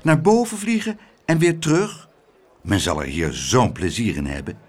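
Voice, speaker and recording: A man's voice: fairly low pitch, big pitch swings, normal speed, slightly rough, voice pushed down. Pompous male mayor in a storybook reading, announcing with big swooping intonation; the male narrator voices him. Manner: speechifying, announcing to a crowd.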